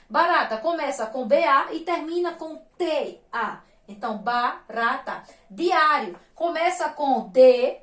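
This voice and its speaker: A woman teaching young children with a Brazilian Portuguese accent, patient and sing-song, spelling syllables out slowly. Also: high voice, fairly bright tone, reverberant. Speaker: primary school teacher. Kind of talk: recorded lesson for young children.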